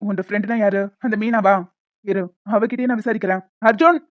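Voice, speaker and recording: A woman voicing a stern but caring young man in an animated story, speaking in a firm, lecturing way. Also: mid-range voice, no room sound, muffled recording, natural voice. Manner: firm, lecturing, quick-talking.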